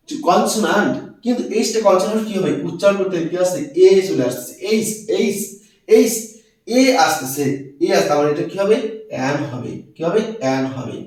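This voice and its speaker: A man teaching a lesson, his fairly high voice set back from the mic in a very echoey room. He poses questions and answers them himself, drawing out and repeating each word. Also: a little mellow, recorded from a distance. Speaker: English teacher. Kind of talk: classroom-style grammar lesson.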